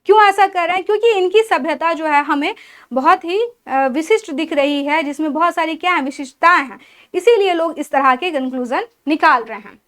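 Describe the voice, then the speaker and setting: A high-pitched woman teaching an exam-prep history class. She explains each point step by step, poses questions to her students and answers them herself, and runs through long lists item by item. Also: a little fast, a bit bright. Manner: lists items one by one.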